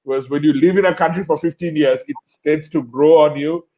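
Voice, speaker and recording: A man from Bangladesh hosting an interview show, thanking his guest in a halting way, with many fillers and repeated words. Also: on the high side, fairly even intonation, dark tone. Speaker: host. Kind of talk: closing an online interview show.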